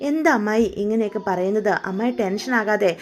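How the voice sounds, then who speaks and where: A woman's voice: mid-range voice, fairly quick, close to an everyday voice. A woman voicing a caring young man who comforts his worried aunt. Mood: reassuring. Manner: reassuring, calm.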